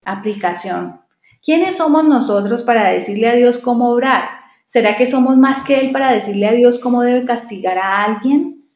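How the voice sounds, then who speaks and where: A woman with a fairly high voice teaches a devotional Bible study. She reads a verse, then questions her listeners to draw out its meaning. The sound is echoey and dull, like a lo-fi room recording. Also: normal speed, darkish tone. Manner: explains verses with many rhetorical questions.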